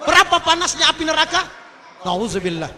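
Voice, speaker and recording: Fervent high-voiced preacher. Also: male voice, big pitch swings, brisk, sharp tone. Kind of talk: sermon at a mass religious gathering. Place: large public gathering. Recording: crowd audible behind the voice.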